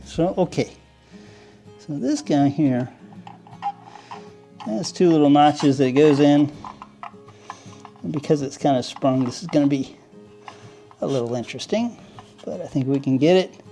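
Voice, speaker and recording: A man with a mellow voice on the high side talks a little slowly and pauses often, with faint music behind. He hosts a model train hobbyist channel and casually narrates cleaning model trains at his work table, a rambling how-to full of fillers, restarts, and frequent chuckles.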